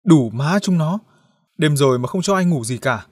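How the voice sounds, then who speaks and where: A man's voice: fairly high pitch, expressive, moderate pace, a little mellow, no echo, studio quality. A man voicing a bad-tempered older man who curses irritably in a horror audiobook. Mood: angry. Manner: cursing, irritable.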